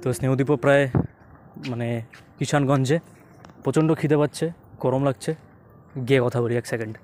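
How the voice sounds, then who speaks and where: A man's voice: mid-range voice, fairly even intonation, moderate pace. A young man, vlogging casually and enthusiastically while out on the streets, often slipping into English phrases. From West Bengal, India. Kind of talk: casual walking vlog. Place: outdoors on streets, partly at night. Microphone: handheld phone camera. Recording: loud outdoor street and wind noise.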